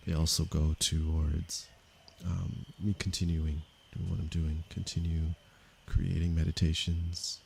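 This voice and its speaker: A man from Canada, a meditation teacher, speaking softly and unhurriedly to viewers of his livestream. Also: a bass voice, creaky, a little hiss or hum. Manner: slow, soft-spoken and unhurried, with pauses. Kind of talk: calm livestream talk to viewers.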